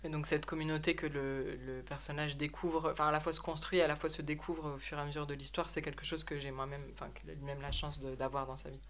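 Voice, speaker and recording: A woman's voice: low-pitched, flat delivery, quick pace, hardly any pauses, slight background noise. A woman interpreting an interview into French, hesitant, with frequent euhs and self-corrections.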